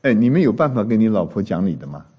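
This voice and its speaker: A man's voice: lowish voice, fast talker, husky, muffled recording. A man preaching a sermon, telling jokes and stories and firing questions at the congregation. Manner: animated, joking storyteller who quizzes the congregation. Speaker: pastor.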